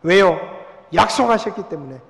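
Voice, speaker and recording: A male pastor preaching a sermon. He swells loud and slows down on the scripture, then drops to a hush on key words. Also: high voice, expressive, gravelly. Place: church sanctuary. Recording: long church hall reverb.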